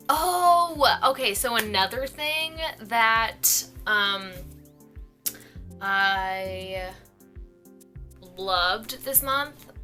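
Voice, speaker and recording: Rambling bright-voiced young woman. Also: mid-range voice. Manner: rambling, self-deprecating, lots of fillers and laughs. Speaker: vlogger. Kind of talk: casual chat to camera. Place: at home.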